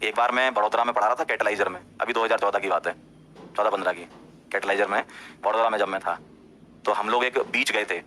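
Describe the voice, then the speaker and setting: With a quick pace and slight background noise, a man who teaches tells his class a story in a casual way, speaking directly to them and checking in often. His animated delivery jumps up in pitch whenever he insists.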